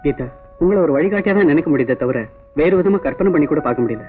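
A man's voice: a little high, lively intonation, fast, natural voice. An actor playing a reserved, polite young writer who keeps his distance. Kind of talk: 1980s Tamil film dialogue. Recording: tinny old film soundtrack with faint music.

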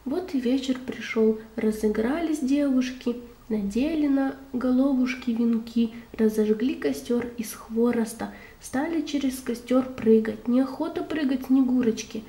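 A woman reading a children's fairy tale aloud in an expressive, measured, folksy way. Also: on the high side, echoey room.

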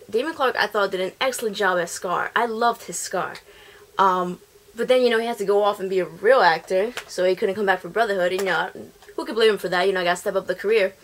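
A woman's voice: mid-range voice, fairly bright tone, slight background noise. Chatty woman rambling on her vlog. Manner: chatty, rambling, often restarting words. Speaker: vlogger. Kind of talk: casual vlog commentary.

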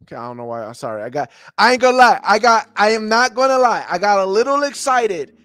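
A man's voice: high-pitched, very animated, fast talker, fairly bright tone, no room sound, clean studio sound. Man muttering through game film. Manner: thinks aloud, repeats phrases, mutters to himself. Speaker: podcast host reviewing game film. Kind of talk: casual film breakdown for a live stream audience.

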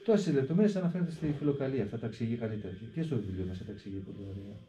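A man, a hermit monk, explaining a prayer in an interview in a deliberate way, often repeating a filler word and slowly reciting the prayer with shifting stress. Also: medium pitch, mellow. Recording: echoey, dull recording with faint background noise.

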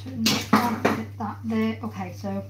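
A woman talks slowly and easily to her live viewers as she cooks at home. Her voice sits a little high, picked up by a phone on the counter. Clear sizzling and kitchen clatter run behind her. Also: little pitch movement, heavy background noise. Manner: chatty, talks to viewers while busy at the stove. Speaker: cooking livestream host. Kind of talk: casual live chat while cooking. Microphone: phone camera close by on the counter.

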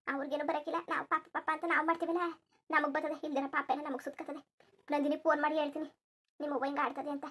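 A put-upon young village daughter-in-law, voiced by a woman for a family cartoon, rambling through her grievances. Her voice sits high and her pace is quick, and she. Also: lightly acted. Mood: muttering. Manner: complaining, rambling grievance monologue. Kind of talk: cartoon voice acting.

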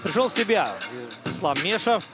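Over music and crowd noise in an arena, a man provides animated live play-by-play of a fight. His voice is high and his pace moderate.

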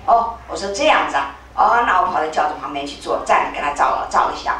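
An older woman telling a religious testimony as a spiritual leader, animated, acting out voices with sudden high leaps. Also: fast talker. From Taiwan. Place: temple hall. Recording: very echoey hall, distant mic, faint hiss.

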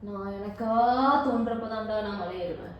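A woman's voice: mid-range voice, fairly even intonation, normal speed, a little mellow, slight background noise, lightly acted. A woman playing a possessed village goddess in a home prank, scolding and giving orders. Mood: commanding. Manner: bossy, scolding, issues commands. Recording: echoey room from far off.

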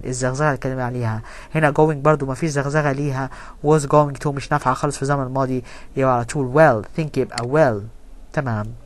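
A man with an Egyptian Arabic accent teaching an English grammar lesson. He reads the English sentences slowly and then explains them quickly in Arabic. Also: medium pitch.

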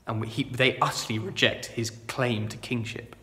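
A man preaching a sermon, earnest and conversational, moving between loud proclaiming and quiet reflection. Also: medium pitch, fairly even intonation, normal speed, long reverb tail. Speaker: vicar. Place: church.

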